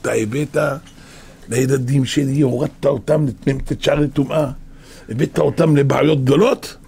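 A man's voice: mid-range voice, fairly even intonation, vocal fry, warm tone, slightly rough. A man voicing God, sternly rebuking a king with thundering declarations.

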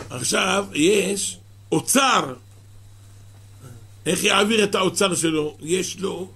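A man, a religious teacher, giving a Torah sermon in an animated storytelling way, often asking the listener questions. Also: a little high, gravelly, slightly rough.

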